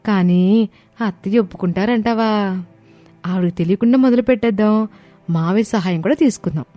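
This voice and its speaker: A woman voicing young daughters-in-law in an animated story, eager and pleading. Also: mid-range voice, brisk, dry recording, faint music behind, natural voice.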